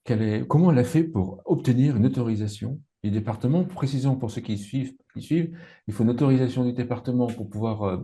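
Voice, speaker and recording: A man's voice: medium pitch, fast, mellow. A man from Savoie interviewing a business founder in a conversational, slightly hesitant way. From Savoie, France. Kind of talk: casual interview.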